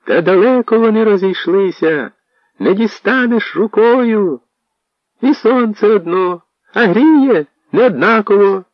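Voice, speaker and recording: A man's voice: sits high, expressive, slow, dry recording, voice pushed up. A man voicing an aging town mayor pleading with an angry crowd in a radio audiobook reading, his voice strained and drawn out. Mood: coaxing. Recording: dull lo-fi radio recording.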